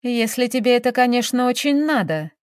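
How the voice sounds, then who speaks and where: A woman voicing a sly old village witch who speaks slowly, in a knowing, slightly mocking way. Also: a little high, expressive, a little mellow, no room sound, studio quality, pitched above the performer's own voice, close to an everyday voice.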